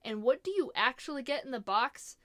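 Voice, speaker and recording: A woman's voice: high-pitched, lively intonation, fairly quick, no room sound. A young woman ranting casually about her opinions in a chatty, exasperated way, laughing often. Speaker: vlogger.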